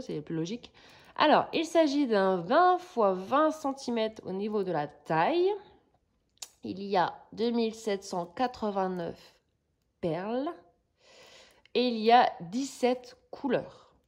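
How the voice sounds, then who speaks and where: A woman's voice: medium pitch, a little mellow. A woman vlogger chatting casually through a craft kit unboxing, hesitant and searching for words with many fillers.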